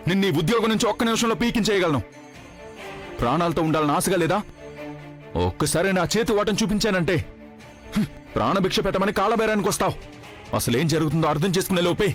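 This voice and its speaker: A man's voice: high-pitched, quick pace, natural voice. An actor playing a menacing village strongman. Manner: menacing, commanding. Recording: TV serial with background music.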